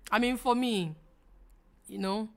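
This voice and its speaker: Answering viewers on her live trading stream, a young adult woman from Ghana speaks in an unhurried way with a Ghanaian accent. Her voice runs a little high and fairly bright, and she's chatty and emphatic, quick to laugh and prone to repeating phrases.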